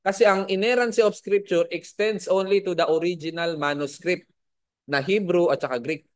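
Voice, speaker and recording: A man's voice: high voice, steady tone, normal speed. Man teaching a Bible class. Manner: spells out words letter by letter, asks class questions.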